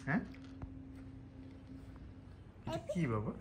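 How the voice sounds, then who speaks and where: Gently coaxing father. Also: fairly high pitch, huge pitch swings, very slow, heavy background noise. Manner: gently coaxing, repetitive pleading. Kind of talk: playful talk with a toddler.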